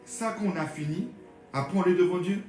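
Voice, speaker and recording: A man's voice: sits high, moderate pace. A man preaching a sermon as pastor, emphatic, with frequent alleluias and questions to the congregation. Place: church. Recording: very echoey church hall with music behind.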